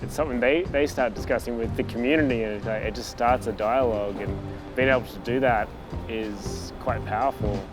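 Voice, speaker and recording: A man with an Australian accent, a street artist speaking calmly in a documentary interview. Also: mid-range voice, fairly quick, over music, low-quality recording.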